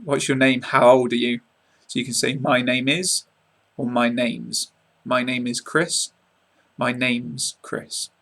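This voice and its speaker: Speaking with an English accent, a man from England in his twenties teaches an online lesson into a close-range webcam in a small room. His manner is clear and measured with casual asides; the voice is medium-pitched, level and fairly bright.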